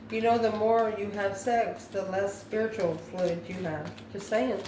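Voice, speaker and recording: An improvising tarot reader, a woman with a mid-range, darkish voice, muses aloud at a measured pace with fairly even intonation. She often poses questions and then answers them herself. The recording has a roomy echo and faint background noise.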